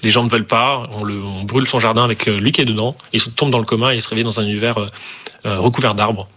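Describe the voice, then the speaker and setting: A man's voice: fairly low pitch, fairly even intonation, rapid-fire, sharp tone. A man who runs a publishing house and bookshop, answering interview questions with many hesitations. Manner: hesitant, many fillers and restarts.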